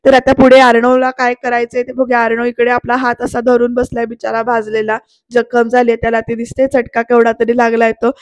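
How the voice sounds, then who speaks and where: A woman's voice: a little high, monotone, a little fast, no echo. Chatty woman recapping a serial. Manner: chatty, addresses viewers directly. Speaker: TV serial reviewer. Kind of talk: voice-over episode recap. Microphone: voice-over mic.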